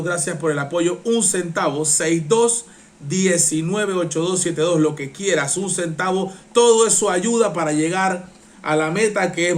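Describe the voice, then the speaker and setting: A man with a Panamanian accent hosting a live-stream reaction show, talking passionately and getting worked up. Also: fairly high pitch. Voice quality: strains his voice. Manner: excitable, passionate, gets worked up. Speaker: live-stream political commentator.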